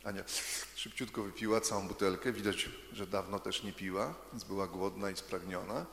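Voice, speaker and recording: Gravelly man telling children a story. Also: sits low, steady tone, moderate pace, a bit bright. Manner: chatty, asks the children questions. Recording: echoey hall.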